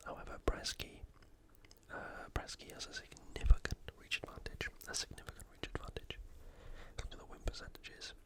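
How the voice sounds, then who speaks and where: This is an ASMR host previewing sports analytically in a breathy, unvoiced whisper, with a relaxed and faintly tentative manner. Speed is normal.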